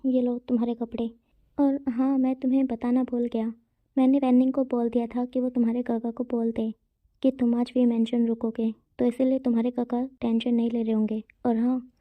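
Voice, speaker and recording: A woman's voice: a little high, dry recording, close to an everyday voice. Woman voicing a weary, burdened young man. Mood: gentle. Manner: earnest, pouring out his burdens. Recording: tinny phone-like dry sound.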